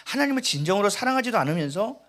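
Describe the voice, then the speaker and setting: Man, pastor, sermon, high voice, very lively pitch, conversational storytelling. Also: rapid-fire.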